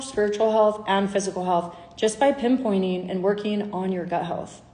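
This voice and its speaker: A woman's voice: medium pitch, mellow, echoey room. A woman health coach in candid, casual talk to her followers, acting out conversations with clients. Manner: chatty, candid, acts out dialogue.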